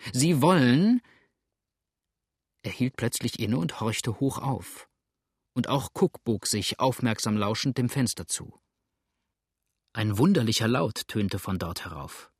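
A man reading a novel aloud as narrator in a steady storytelling manner. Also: on the low side, a little slow, husky, no echo, clean studio sound. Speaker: audiobook narrator.

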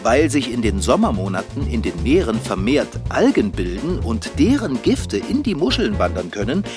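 A man reading a scripted children's narration with a dry, deadpan touch. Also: medium pitch, moderate pace. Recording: music bed under the voice.

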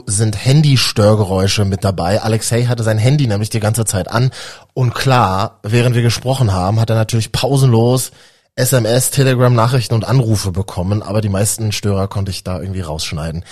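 A man's voice: medium pitch, a little mellow. A man hosting a podcast, introducing guests and asking questions in a friendly, conversational way. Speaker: podcast host.

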